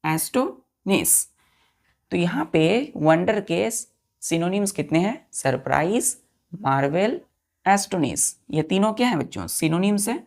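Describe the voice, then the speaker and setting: A woman with a low, gravelly voice teaches vocabulary in a classroom-style lesson. She spells each word out letter by letter, then repeats it and puts questions to the children. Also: animated, unhurried, darkish tone. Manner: spells words letter by letter, repeats and quizzes pupils; addresses listeners as children.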